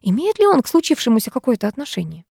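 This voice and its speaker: Woman narrator, audiobook, mellow warm voice, dry close recording. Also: fairly high pitch, sing-song, very fast, creaky, husky, dry recording. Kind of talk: first-person audiobook narration.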